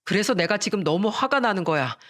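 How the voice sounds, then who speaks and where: A woman's voice: mid-range voice, animated, a little fast, fairly bright tone, close to an everyday voice. A woman voicing an earnest, resolute young man who is a doctor-to-be groom.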